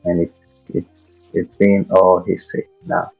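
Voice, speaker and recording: A man's voice: deep voice, monotone, slow, creaky, highs cut off, over music. A man in his twenties from Ghana with a Ghanaian accent, a guest telling his story with many fillers and restarts. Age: 20s. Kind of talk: casual interview.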